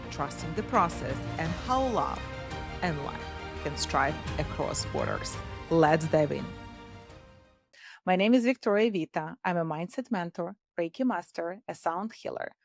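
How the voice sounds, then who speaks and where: A woman hosting a podcast interview, upbeat and quick to laugh. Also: on the low side, expressive, music in the background. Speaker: podcast host.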